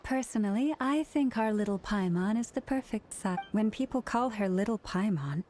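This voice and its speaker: A woman voicing a gentle, composed and considerate lady in a video game, with a polite manner. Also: medium pitch, expressive, normal speed, background noise, natural voice.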